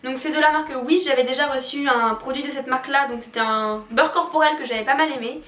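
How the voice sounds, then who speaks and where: A woman's voice: high voice, fast, fairly bright tone. A woman chatting casually to viewers as a beauty vlogger reviewing products, candid and opinionated in colloquial wording. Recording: roomy echo, distant mic, faint music behind.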